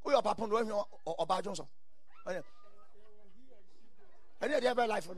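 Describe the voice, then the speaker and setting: A man's voice: high voice, brisk, some chatter behind. A man with a Ghanaian accent preaching a sermon in exhorting, repeated short phrases, mixing English with Ghanaian Pidgin and Twi.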